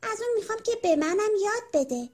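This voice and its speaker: A woman's voice: big pitch swings, darkish tone. Woman doing a whiny, jealous little green worm. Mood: eager, pleading. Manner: sulky, pleading, high and tearful. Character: small envious green worm, whiny and eager. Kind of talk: storybook character voice.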